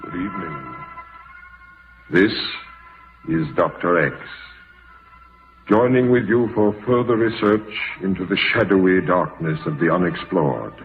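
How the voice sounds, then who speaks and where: Anonymous doctor of mystery: deep, courteous, measured 1940s radio acting, muffled sound, faint music. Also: male voice, expressive. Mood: grave, courteous. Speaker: radio drama host. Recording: muffled vintage radio recording.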